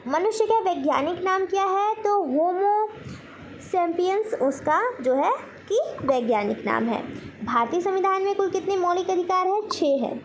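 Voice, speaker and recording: A woman's voice: very high voice, expressive, normal speed, a little hiss or hum. A woman teacher giving a general knowledge lesson, posing questions and then answering them herself in an instructional way. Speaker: quiz teacher.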